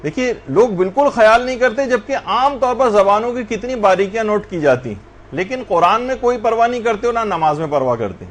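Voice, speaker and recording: A man's voice: high voice, sing-song, slight background noise. A man teaching a religious class, lecturing earnestly and addressing his students directly.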